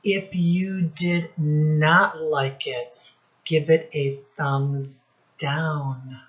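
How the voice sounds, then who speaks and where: A woman's voice: low voice, steady tone, extremely slow, muffled recording. A woman leading a storytime lesson for young children, encouraging them and asking them questions directly. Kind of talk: read-aloud lesson quizzing young children.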